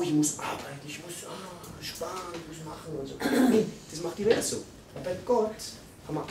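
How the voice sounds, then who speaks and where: A man preaching a live church sermon, emphatic and repetitive, with sudden loud bursts. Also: high-pitched, slight background noise. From Austria. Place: church hall. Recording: echoey hall, mic from far off.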